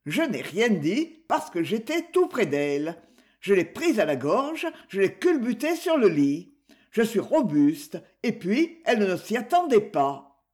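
An elderly murderess recounts her crimes in a cold, matter-of-fact voice, as the book's reader puts her on. The telling is slow and deliberate, yet the pitch rises and falls freely. It is an audiobook crime story. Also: big pitch swings, a little mellow. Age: older. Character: old woman killer confessing calmly.

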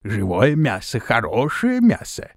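A man voicing a female swamp kikimora who is hungry and gloating, with a slow creature drawl. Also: mid-range voice, huge pitch swings, dry recording, clean studio sound.

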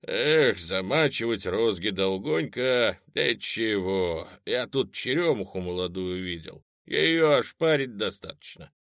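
A man voicing a coarse, eager army corporal who talks loud and rough. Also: fairly low pitch, animated, takes it slowly, few pauses, dry recording, clean studio sound, full character voice.

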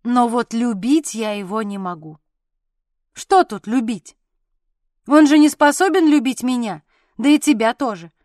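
A petulant young husband, jealous and quick to sulk, barks his grievances in a high, strained voice, as a woman reads him. The audiobook sound is dry and close, with no room around it. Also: dry recording, natural voice. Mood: grumbling. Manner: loud, sulky and exasperated. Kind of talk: audiobook character voicing.

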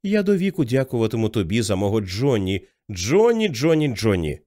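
A man's voice: on the low side, sing-song, moderate pace, mellow. A man voicing a fervent, ecstatic mother. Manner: fervent, rising to hysterical cries. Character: middle-aged religious mother, ecstatic, fervent. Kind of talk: audiobook character reading.

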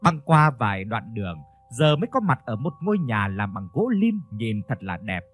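A man's voice: mid-range voice, very animated, normal speed. Man narrating a ghost story over music. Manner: storytelling, voices the characters.

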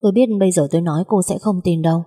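Storybook young male suitor, steady and teasing, read by a woman, husky lowish voice. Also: very fast, long reverb tail. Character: young man, calm, teasing, persistent suitor.

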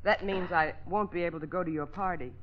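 An actress playing a wife faking a dramatic illness in a 1940s radio sitcom, plaintive and melodramatic. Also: female voice, fairly low pitch, fairly quick, close to an everyday voice. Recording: dull lo-fi old radio broadcast, faint hiss.

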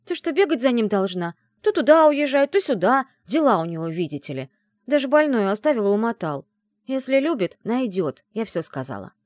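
A brash young student friend who grumbles and bosses, as a woman reader puts her on in an audiobook. The voice is pitched up, louder, and bounces with animated intonation. The recording is close and dry. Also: no echo, natural voice. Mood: indignant. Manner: grumbling, bossy, quick to anger.

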